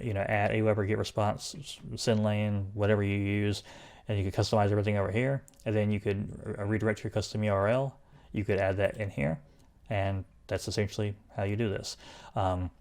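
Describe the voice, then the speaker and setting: Male tutorial host, low gravelly voice, worn and fading, casual rambling delivery. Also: a little mellow. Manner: loose, rambling, many fillers. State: losing his voice. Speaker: online marketing tutorial host. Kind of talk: casual screen-recorded tutorial.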